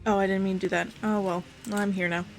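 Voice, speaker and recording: A woman's voice: mid-range voice, level tone, fast talker, over music. A woman giving casual let's play commentary, self-deprecating and talking to herself and the game. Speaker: gaming host.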